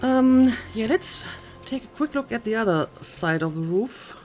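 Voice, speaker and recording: A woman's voice: on the high side, lively intonation, unhurried, a little mellow, soft background music. A woman giving casual let's play commentary, musing and thinking aloud as she goes.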